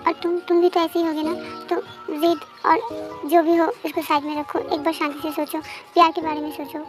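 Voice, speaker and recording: A woman voicing a caring sibling who coaxes and pleads softly, over background music. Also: extremely high pitch, little pitch movement, a little fast. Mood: pleading. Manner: soft, coaxing pleas.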